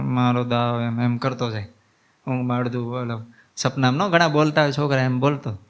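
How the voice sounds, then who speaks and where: A man, a monk preaching a devotional sermon as a lively folksy story. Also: mid-range voice.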